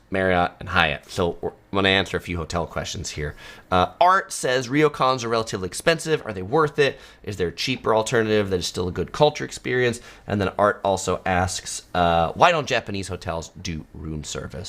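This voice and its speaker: Speaking from his home studio, a travel channel host fields viewer questions during a casual live Q&A. His voice is low and relaxed, and he talks conversationally with plenty of ums and uhs.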